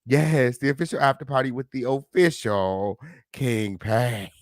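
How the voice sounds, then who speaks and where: A man hosting a celebrity gossip livestream, sassy and flamboyant, full of loud catchphrases, profanity and high, squealing laughs. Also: measured pace, dry recording, clean studio sound. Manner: frequent high-pitched laughing outbursts. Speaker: gossip show host. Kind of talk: casual livestream commentary.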